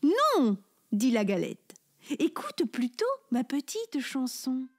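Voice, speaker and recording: Woman doing a tiny proud pancake singing its teasing little song, squeaky high, storybook voice. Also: wildly swooping pitch, takes it slowly, full character voice. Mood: singsong teasing. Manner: sings a teasing little chant. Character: small proud runaway pancake, cheeky and singsong.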